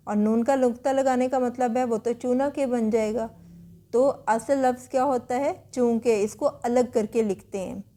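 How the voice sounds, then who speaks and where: A woman teacher calmly explaining spelling rules word by word, in a patient way. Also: a little high.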